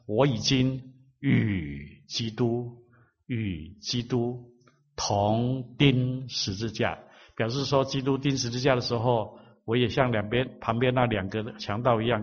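Man, preacher, sermon, emphatic repetition, mid pitch, lo-fi sound. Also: husky. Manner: slow, emphatic repetition of phrases. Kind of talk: sermon teaching.

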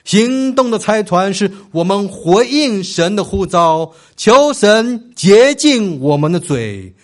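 A man's voice: high-pitched, sing-song, slow. A man preaching a sermon, stressing key phrases and leading the congregation to repeat them after him. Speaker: pastor.

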